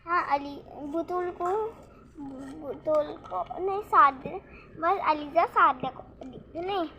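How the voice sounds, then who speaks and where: High-voiced young woman, rambling vlog. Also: slow pace, a little hiss or hum. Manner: rambling, restarts often, excitable retelling. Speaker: vlogger. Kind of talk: casual storytelling vlog.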